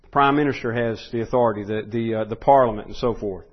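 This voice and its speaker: A man's voice: medium pitch, steady tone, fast, highs cut off. A man preaching a sermon in an earnest way, often restarting and rising in force when he stresses a point.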